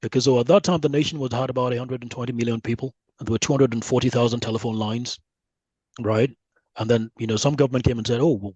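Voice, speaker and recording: Speaking as a podcast guest, a male researcher with a Nigerian accent lays out his views through analogies, frequently asking "right?" or adding "you know" to keep the listener with him. He has a mellow, medium-pitched voice, and the audio is poor though free of echo.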